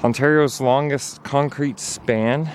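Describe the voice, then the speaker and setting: A man's voice: mid-range voice, steady tone, slow, a little hiss or hum. A man narrating a casual hiking vlog outdoors on a snowy trail, chatty and at times out of breath. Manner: chatty, talking while hiking, sometimes out of breath. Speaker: vlogger.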